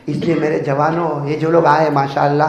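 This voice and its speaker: A man from India preaching in a mosque, telling humorous stories and calling on the congregation to answer aloud, swinging between shouted exhortation and hushed storytelling. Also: fairly high pitch, flat delivery. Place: mosque hall. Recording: echoey long reverb of a mosque hall.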